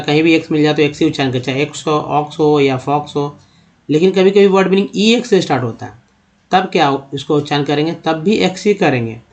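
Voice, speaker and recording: Higher-voiced man teaching English pronunciation. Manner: patient, asks questions and answers them himself; reads words out slowly, letter by letter. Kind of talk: explaining English pronunciation to beginners.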